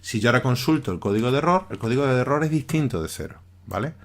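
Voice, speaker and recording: A man's voice: mid-range voice, expressive, fast. A man giving a recorded programming lesson over his screen, talking conversationally and often checking in with his listeners. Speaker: teacher.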